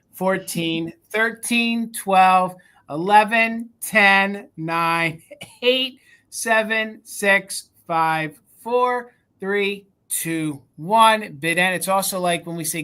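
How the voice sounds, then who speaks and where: A woman's voice: mid-range voice, pushed and bright, clean tone. A woman with a regional American accent, hosting a live vintage sale, chatting as she describes items and counts down bids. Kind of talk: live auction selling.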